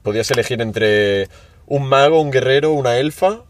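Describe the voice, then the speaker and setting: A man's voice: mid-range voice, normal speed, no echo. A young man, chatting in a laid-back, slangy way on his show. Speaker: podcast co-host. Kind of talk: casual chat.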